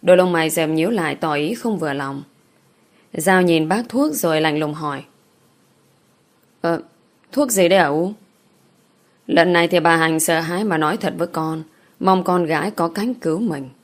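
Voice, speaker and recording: Female audiobook narrator, steady, lowish voice. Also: a little fast.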